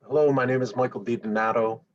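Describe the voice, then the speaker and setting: A man in his forties, an athlete on a panel, speaking in a measured way with fillers on a video call. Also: mid-range voice, steady tone. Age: 40s. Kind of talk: casual answers on a video call. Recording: dull lo-fi call audio.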